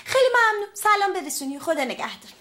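A woman's voice: extremely high pitch, very animated, bright, forceful tone. A woman playing a fussy, chatty secretary who keeps apologizing as she fumbles phone calls. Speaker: office secretary. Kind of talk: sitcom comedy acting.

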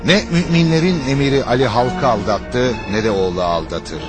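An actor playing an indignant loyal believer in a historical drama, challenging others in an accusing, emphatic manner. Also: male voice, medium pitch, normal speed, over music, close to an everyday voice. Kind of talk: dubbed historical drama acting.

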